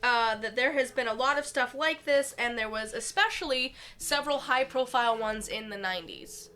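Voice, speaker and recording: A woman's voice: on the high side, normal speed, bright, forceful tone, a little hiss or hum. A congested woman streaming a mystery game, rambling with fillers and reading clues aloud. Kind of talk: casual chat and reading aloud.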